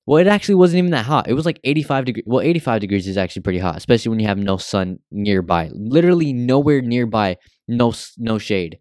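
A man's voice: medium pitch, fast, a little mellow, no echo, clean studio sound. A young American man hosting a casual solo podcast, talking with newly fitted braces in a rambling, slangy, sweary way. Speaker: podcast host.

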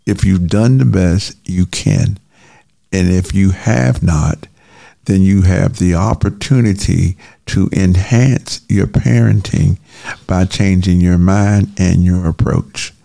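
A man with a very deep, gravelly voice and a mellow, dark tone speaks as a guest on a call. He reflects slowly and haltingly, filling his pauses with small hesitations. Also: steady tone, no room sound, studio quality.

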